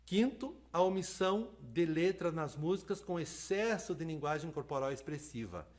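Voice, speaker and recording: Fast-talking man lecturing. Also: fairly high pitch. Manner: lively, talks fast, asks "né?" and "tá?". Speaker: lecturer on sign language interpreting. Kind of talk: live online lecture.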